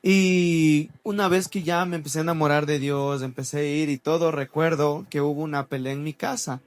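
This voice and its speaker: A man, co-hosting a church podcast and telling a personal testimony in a casual, animated way. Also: on the high side, normal speed. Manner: animated, acts out quoted voices.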